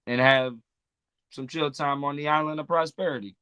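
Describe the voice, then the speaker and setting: Laid-back bright-voiced man from Iowa. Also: on the high side, steady tone, normal speed, smooth, no echo. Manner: laid-back, repeats himself. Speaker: wrestler guest. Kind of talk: casual interview chat.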